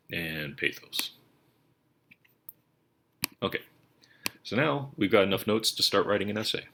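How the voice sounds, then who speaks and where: A man's voice: low-pitched, gravelly, noisy background. A man teaching writing in a screencast lecture, thinking aloud as he types and correcting himself casually. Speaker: writing instructor. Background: keyboard typing and clicks.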